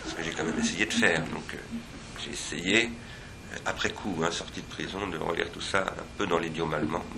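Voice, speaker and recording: A man speaking at an academic seminar, digressive and reflective, pausing often and restarting his sentences. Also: low-pitched, creaky, noisy background.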